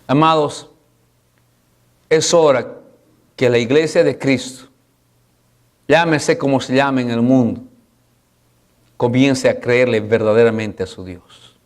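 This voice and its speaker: A man preaching a sermon as pastor, pleading with the congregation through repeated rhetorical questions and swinging from loud, high exhortation to low, soft passages. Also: slow pace, long pauses.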